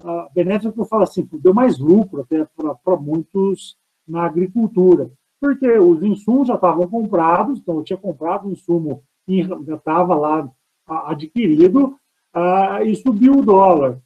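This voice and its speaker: Brazilian male professor, high voice, lecturing over a tinny headset mic on a call, poses rhetorical questions. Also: normal speed, breathy edge. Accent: Brazilian Portuguese. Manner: explains step by step, asks himself rhetorical questions. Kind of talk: online lecture answering audience questions.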